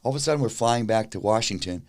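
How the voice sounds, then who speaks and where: A middle-aged man, a musician guest, telling an animated story in an interview, with many restarts. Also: on the low side, fast.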